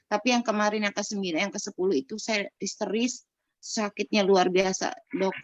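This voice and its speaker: A woman's voice: medium pitch, moderate pace, no room sound. A middle-aged woman on a video call, candidly telling a personal story in an earnest, conversational way, often restarting her sentences. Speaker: participant sharing a personal story. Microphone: video call microphone. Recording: dull lo-fi video call audio.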